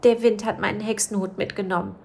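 A woman voicing a small, excited young witch girl who talks in a bright, eager, quick way. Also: medium pitch, vocal fry, slight background noise, voice pushed up, close to an everyday voice. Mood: upset.

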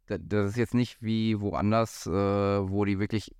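A man's voice: on the low side, steady tone, unhurried, a little mellow, smooth, no room sound, clean studio sound. A man talking as a golf pro in a casual podcast chat, hesitant, with many fillers and restarts. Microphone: studio microphone.

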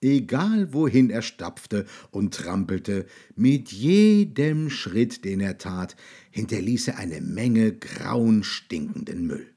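A man reading a children's story aloud with a soft, slightly husky, warm voice. His pitch moves a lot as he tells the tale, and he stretches key words slowly for emphasis. Expressive, unhurried storytelling.

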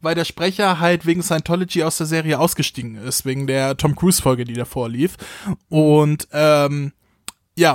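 A man co-hosting a podcast, chatting casually about manga and laughing often. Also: on the high side. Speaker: podcast co-host. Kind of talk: casual chat reviewing manga.

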